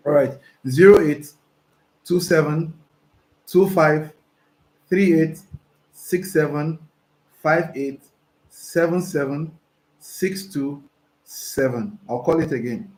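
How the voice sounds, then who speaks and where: A young Nigerian man, slightly hoarse from talking, coaches viewers live as an online business coach and reads their messages aloud. His voice is on the high side and slow, with frequent pauses; he's excitable, repeats himself, and stumbles into restarts. The recording has a roomy echo and faint background noise.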